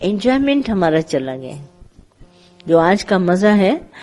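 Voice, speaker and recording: Very animated yet slow, a middle-aged woman's mid-range, darkish voice leads a devotional satsang, heard on a rough recording. She addresses her followers in a conversational way, performing quotes within parables and weaving in English words.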